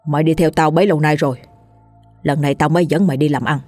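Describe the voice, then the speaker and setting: A woman's voice: deep voice, fairly even intonation, fast, darkish tone, no room sound, faint music behind. A woman voicing a hot-tempered old male village thief who is coarse and bossy. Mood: scheming.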